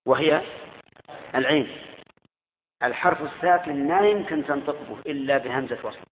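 A man's voice: mid-range voice, slight background noise. A man teaching a grammar class, quizzing his students and repeating their answers. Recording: tinny echoey hall recording.

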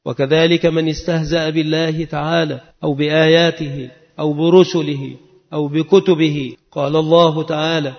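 A man's voice: a little high, little pitch movement, normal speed. A man giving a religious lesson, chanting verses melodically and reading scholars' definitions in a plain teaching voice. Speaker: Islamic lecturer. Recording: dull lo-fi sound with long reverb.

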